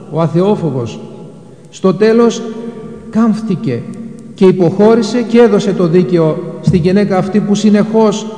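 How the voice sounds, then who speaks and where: A man's voice: high voice, mellow, roomy sound, big-room sound. A man preaching a sermon. He quotes scripture and then explains it in plain words. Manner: retells Gospel passages, quoting scripture in old Greek and explaining it.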